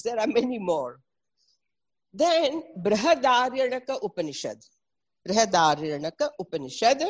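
A middle-aged woman with a North Indian accent gives an informal explanatory talk, mixing English with Hindi and Sanskrit and repeating terms as she teaches. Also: medium pitch. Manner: didactic, spells out and repeats terms. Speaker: presenter explaining traditional Indian textiles.

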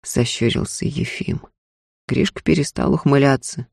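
Steady audiobook narrator, dry sound. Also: mid-range voice, moderate pace, gravelly, breathy edge, no echo. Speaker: audiobook reader. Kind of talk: scripted literary narration.

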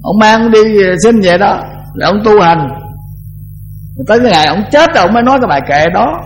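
An older man, a Buddhist monk, giving a conversational dharma talk that often repeats words and slows down to chant verses. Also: sits high, expressive, soft background music, rough recording.

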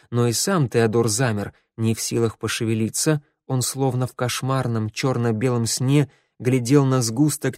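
A man reading a dark fantasy audiobook in a measured, dramatic narration. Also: mid-range voice, no echo, clean studio sound. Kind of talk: scripted narration.

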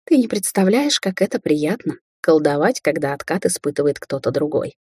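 A woman's voice: deep voice, lively intonation, moderate pace, a little mellow, slightly rough, dry recording. A woman reading an audiobook, voicing a young sorceress who speaks to her mother sarcastically and tauntingly. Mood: mocking. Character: young adult woman sorceress, mocking daughter.

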